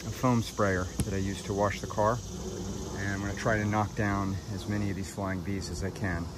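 Man, beekeeper, deep-ish voice, plain matter-of-fact talk, backyard deck, phone mic, loud bee buzz. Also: level tone, moderate pace, heavy background noise. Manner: plain, matter-of-fact, talking to camera while handling hives. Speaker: beekeeper vlogger. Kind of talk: casual narration while working. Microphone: phone camera held or nearby. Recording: phone recording outdoors with buzzing bees. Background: buzzing bees around.

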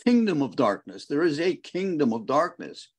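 A man co-hosting a conversational Bible study over a video call, reflecting slowly and reading scripture verses aloud. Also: a little high, very animated, husky.

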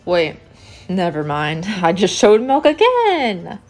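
With soft music in the background, a young woman with a mid-range, slightly mellow voice talks slowly while cooking at home, her pitch swinging widely. Her casual vlog chat is full of "like" and "um," recorded noisily in her kitchen.

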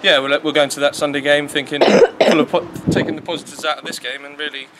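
A young male footballer giving a measured, plain-spoken post-match interview outdoors at a floodlit ground at night. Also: fairly high pitch, level tone, a loud crowd, low-quality recording. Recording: loud wind noise outdoors.

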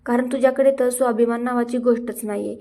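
A woman voicing a domineering wealthy grandmother who scolds and accuses, in a slightly high, flat voice. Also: fast, lightly acted. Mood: scornful anger. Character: haughty, furious wealthy grandmother, domineering matriarch.

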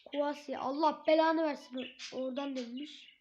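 A hoarse woman giving live gameplay commentary, swearing and yelling at the referee in frustration. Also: high-pitched, steady tone, normal speed, a little hiss or hum. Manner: shouts at the referee, curses and rants in frustration. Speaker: gamer. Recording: dull lo-fi recording.

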